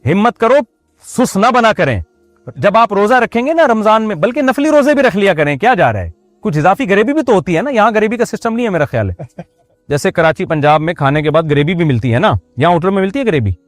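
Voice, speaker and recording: A man preaches a religious sermon, keeping it conversational with joking asides to his listeners. His voice sits fairly high. The sound is dry, with faint music underneath. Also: big pitch swings, fast, dry recording. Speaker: Islamic preacher.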